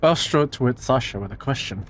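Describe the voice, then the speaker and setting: 一位男性在直播中朗读游戏剧情旁白，背景有轻微音乐。. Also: male voice, medium pitch, lively intonation, a little fast, fairly bright tone. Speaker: narrator. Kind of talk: narrating game story aloud on a stream. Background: faint music.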